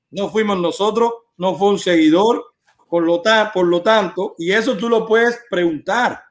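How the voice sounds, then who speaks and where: A man hosting a live stream, arguing insistently and lecturing a caller point by point. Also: high voice.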